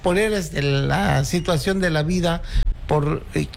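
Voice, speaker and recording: A man's voice: fairly high pitch, a little slow, creaky, a little hiss or hum. A man in his sixties from Oaxaca with a Mexican accent, telling stories and reciting verses as a guest on a chat show. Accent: Mexican Spanish. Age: 60s. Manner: proud, storytelling, recites verses. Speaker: guest, cultural promoter. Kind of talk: casual radio chat.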